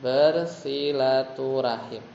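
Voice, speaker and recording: A man's voice: medium pitch, slow, creaky, a little mellow, a little hiss or hum. A man with an Indonesian accent teaching a tajwid class, patiently explaining each letter and chanting verses for students to repeat. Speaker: Quran recitation teacher. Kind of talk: tajwid lesson with call-and-response chanting. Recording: dull, roomy hall recording.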